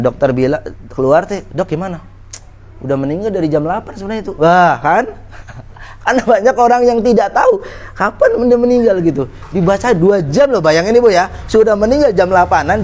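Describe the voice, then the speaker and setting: Delivering an Islamic study lecture to an audience of women, this man has a high voice with a darkish tone. He keeps things conversational and frequently puts questions to the audience.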